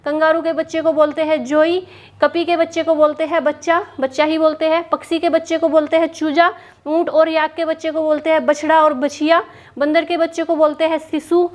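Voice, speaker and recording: A woman with a high voice teaches an exam-prep class. She asks each question aloud, then answers and repeats it for her students to memorize. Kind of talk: classroom lesson. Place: hot room without a fan, standing.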